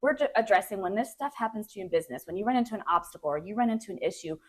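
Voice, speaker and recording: A chatty woman co-hosting a relaxed podcast. She talks straight to her listeners, calling them y'all. Her voice sits at an ordinary middle pitch. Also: very fast, low-quality recording. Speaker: podcast co-host. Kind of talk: casual podcast chat.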